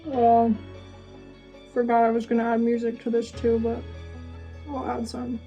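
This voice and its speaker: Young female vlogger, chatty and giggly, higher voice, talks while eating, light music underneath. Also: completely flat delivery, a little slow, warm tone, muffled recording. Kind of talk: casual chat reacting to old video.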